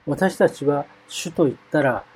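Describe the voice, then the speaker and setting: A man preaching a sermon, reading Bible verses aloud in a measured way and explaining them. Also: fairly high pitch, darkish tone, breathy edge, low-quality recording.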